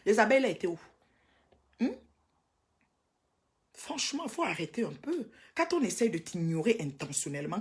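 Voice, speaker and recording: Woman ranting. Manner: scolding, mocking, with sudden high-pitched outbursts. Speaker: livestreamer. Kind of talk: angry live rant.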